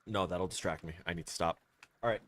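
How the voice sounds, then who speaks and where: Blunt, low-voiced male game streamer. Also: fast, fairly bright tone. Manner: blunt and firm, rambling with fillers. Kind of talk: casual livestream chat. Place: home room.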